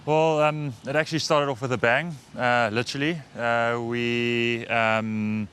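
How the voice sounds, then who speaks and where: A man's voice: medium pitch, fairly even intonation, a little slow, a bit bright, clear, resonant tone. A man from Africa, answering interview questions as a guest rider, hesitant and self-deprecating. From South Africa.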